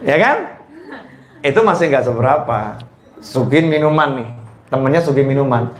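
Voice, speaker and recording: A man preaching a sermon to a live audience, playfully quizzing the mothers and mimicking them in high squealing voices. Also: animated, normal speed, roomy sound, a little hiss or hum. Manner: playful, teasing the audience with questions.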